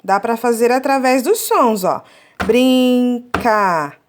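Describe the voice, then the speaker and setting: Woman, teacher, high voice, children's lesson, slow, stretched-out words. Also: sing-song. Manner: slow, drawn-out syllable counting; checks with "tá?" often.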